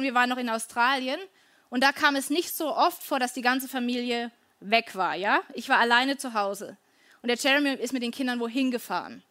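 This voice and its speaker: A woman's voice: on the high side, sharp tone. A middle-aged woman giving an earnest, conversational devotional talk, often turning to her listeners with questions.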